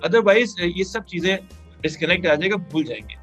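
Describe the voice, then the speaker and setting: A man's voice: high voice, animated, moderate pace, a bit bright, soft background music. A man from Pakistan, a singer and guest in an interview, talking earnestly and telling anecdotes with quoted exchanges. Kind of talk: interview conversation.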